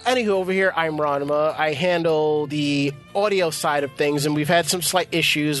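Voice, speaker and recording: Male podcast co-host, relaxed chatty delivery, faint music bed. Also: on the high side. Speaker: podcast co-host and audio handler. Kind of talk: casual chat.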